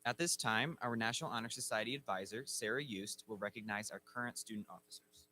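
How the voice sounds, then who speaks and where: Man reading fast at a lectern microphone. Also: on the low side, slight background noise. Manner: formal, steady reading. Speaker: ceremony announcer. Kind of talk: reading inductee bios aloud. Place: school ceremony hall. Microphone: speaking at a lectern microphone.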